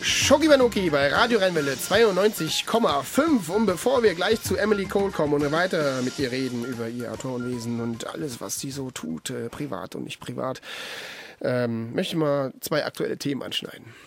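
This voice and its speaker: A man hosting a radio show, chatting in a lively, joking way as he tells a silly news story. His voice sits a little high for a man. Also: a little fast, creaky, over music. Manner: jokey, animated storytelling. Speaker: radio host. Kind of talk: casual radio banter.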